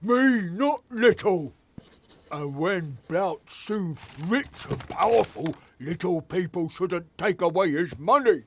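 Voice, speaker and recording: An actor playing a dim-witted male troll worker who speaks in broken grammar, slow and simple. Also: sits high, animated, fairly bright tone, a little hiss or hum, exaggerated voice. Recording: game audio with faint music.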